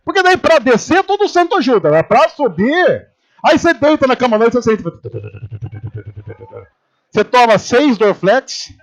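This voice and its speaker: A pastor from Brazil giving a humorous sermon in church, telling stories and acting out the voices of the people in them. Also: male voice, very high voice, moderate pace. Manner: animated storytelling, acting out quoted voices.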